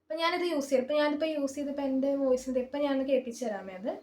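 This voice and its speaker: A singer gives a casual screen-recorded tutorial on how she records song covers in an app, keeping things relaxed and chatty and often saying "see" as she points things out. Her voice is high and quick. The audio has the echoey ring of a small closed room.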